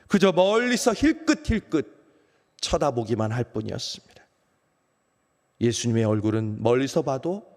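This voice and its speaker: A man, a pastor, speaking as the apostle Peter, a remorseful, ashamed grown man, in a first-person dramatic monologue in a church, swinging from loud outbursts to hushed low phrases. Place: church sanctuary. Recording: long church hall reverb.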